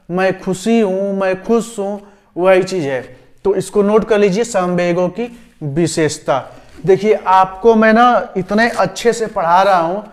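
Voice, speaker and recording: A man from India teaches an exam-prep class in a fairly high voice. He repeats each term several times as he explains. He keeps checking that his students understand. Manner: repetitive explaining, frequent "समझ गए?" checks.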